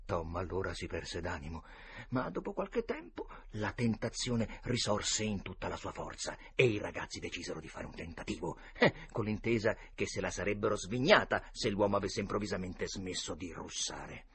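A man's voice: on the low side, lively intonation, normal speed, fairly bright tone, slight background noise. A man narrating a classic novel as an audiobook with a dramatic, varied delivery. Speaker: audiobook reader. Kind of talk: expressive storybook narration.

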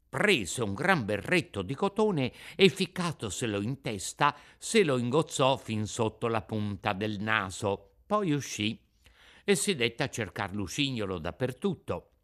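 Bright, theatrical male storyteller. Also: lowish voice. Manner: theatrical, expressive. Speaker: narrator. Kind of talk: dramatic storybook reading.

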